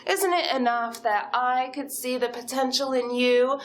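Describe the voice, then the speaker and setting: A woman's voice: high voice, steady tone, measured pace. A woman playing a possessive supernatural yandere kidnapper in a role-play monologue, gushing sweetly with unhinged menace. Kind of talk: dramatic second-person role-play monologue.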